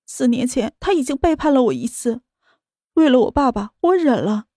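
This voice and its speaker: Woman narrator giving a shrill, begging young woman in a storybook drama, dry close-mic sound. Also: animated, normal speed, warm tone, dry recording. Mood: pleading. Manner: pleading, tearful and shrill. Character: desperate, clinging young woman begging for love. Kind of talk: audiobook drama acting.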